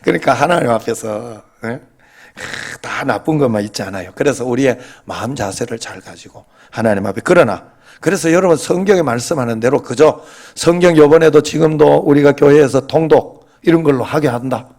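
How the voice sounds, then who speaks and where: A man's voice: medium pitch, a little fast. A male pastor, giving a sermon in a chatty, joking way and often asking the congregation "eh?". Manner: grows louder and more emphatic when preaching on scripture.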